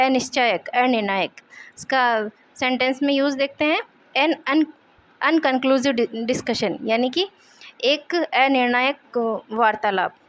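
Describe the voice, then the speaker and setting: Speaking in Hindi, a young woman whose voice sits high goes through English vocabulary, repeating every word slowly before explaining its meaning.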